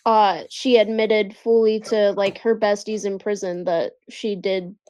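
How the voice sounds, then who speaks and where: A woman's voice: mid-range voice, flat delivery, a little slow, crowd noise. A woman co-hosting a casual podcast chat, telling gossip with lots of fillers. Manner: chatty, filler-heavy retelling of gossip.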